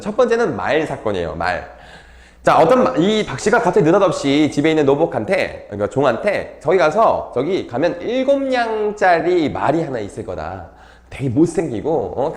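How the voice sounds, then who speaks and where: A man's voice: mid-range voice, roomy sound. A man teaching literature in a casual, joking storytelling way, acting out the characters' lines as he retells the tale. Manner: animated, jokey, acts out characters' lines. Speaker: Korean literature tutor.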